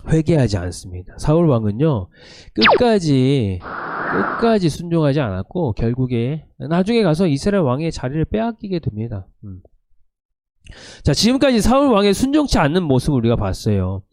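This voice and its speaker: A man giving a sermon to a youth group, telling a story in an animated way and acting out the quoted lines. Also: a little high, moderate pace, no room sound. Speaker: youth pastor. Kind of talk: sermon to teenagers. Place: church, online service.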